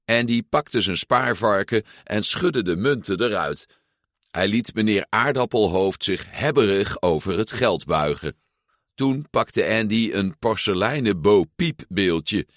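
A man narrating a children's storybook aloud in an expressive, lively way. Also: on the low side, measured pace, no room sound, studio quality. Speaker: audiobook reader.

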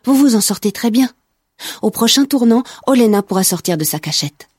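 Storybook: woman reads a kind old lady, reassuring, soft and dry-sounding. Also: a little high, expressive, brisk, slightly rough, no echo, voice pushed up. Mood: soothing. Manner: soothing, reassuring.

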